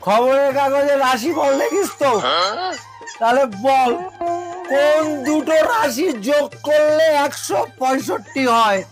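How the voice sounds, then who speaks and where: Man playing a very high-pitched quarrelsome town drunk. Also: a little slow, music in the background. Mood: taunting. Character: argumentative town drunk man posing silly trick riddles. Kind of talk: comedy skit acting.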